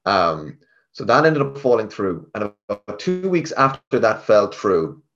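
A tech sales team lead from the west of Ireland chats informally as an interview guest, telling his story and often voicing snippets of conversation himself. His fairly low voice swings widely in pitch, he speaks a bit slowly, and the recording's high frequencies are cut off.

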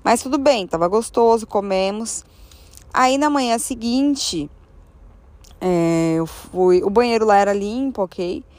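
A Brazilian woman tells a travel story to the camera in an easy, chatty way, jumping up in pitch when she acts out what she was thinking. Her voice is of middle height and sounds close and dry, with no room around it. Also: measured pace, no room sound. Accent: Brazilian Portuguese. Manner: animated, acts out her own thoughts in a higher voice. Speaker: travel vlogger. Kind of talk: casual storytelling.

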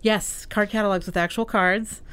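A woman's voice: mid-range voice, fairly even intonation, normal speed, fairly bright tone, clear, resonant tone. A woman hosting a podcast, leading segments and joking about herself. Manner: joking, self-mocking. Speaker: podcast host. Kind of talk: casual chat.

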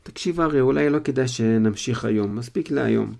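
A calm, kind male teacher speaks gently, as read by a man. His voice is low, gravelly and mellow. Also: close to an everyday voice. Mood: gentle.

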